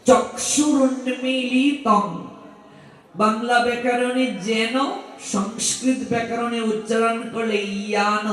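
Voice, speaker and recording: High-voiced preacher with echoing PA sound. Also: male voice. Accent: Bangladeshi Bengali. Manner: slow, rhetorical questions, chants Sanskrit slowly. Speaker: scripture reader and preacher. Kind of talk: devotional sermon with chanted mantra. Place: open-air festival ground at an ashram. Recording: very echoey, distant PA sound.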